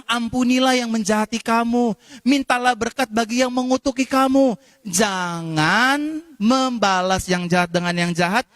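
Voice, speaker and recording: A man preaching a sermon as pastor, impassioned and direct, sometimes slipping into slow sung prayer. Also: extremely high pitch, fairly bright tone, no room sound.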